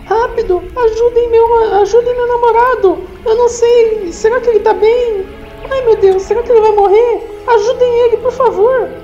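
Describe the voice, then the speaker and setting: Shrill, melodramatic lady frog. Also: a little slow, warm tone, faint music behind. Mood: panicked. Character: dramatic lovesick female frog, human-sized. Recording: roomy, dull lo-fi sound.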